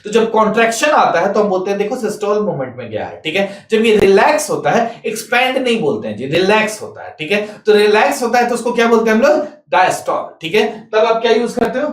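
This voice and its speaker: A man's voice: high-pitched, big pitch swings. A man teaching a science lesson for exams, repeating a check-in phrase and answering his own questions. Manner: mixes English terms into Hindi, spells words out slowly. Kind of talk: exam-prep science lecture. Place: classroom or small studio, writing on a board. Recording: echoey room, mic some distance off.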